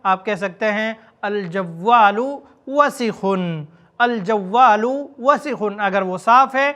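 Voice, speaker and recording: A man teaching a spoken language lesson, explaining words quickly and then repeating example phrases slowly and deliberately. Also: high-pitched, bright, forceful tone. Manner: slow, drawn-out repetition of example phrases. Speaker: Arabic teacher.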